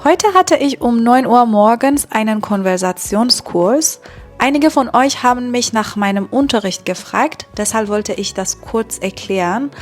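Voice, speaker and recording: A woman from Iran, a German teacher, narrating a vlog for learners in a slow, deliberate way with some filler sounds. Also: mid-range voice.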